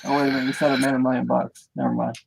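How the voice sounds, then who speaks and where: Very gravelly, creaky man in casual chat. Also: medium pitch, flat delivery, racing. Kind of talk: casual chat, joking and swearing.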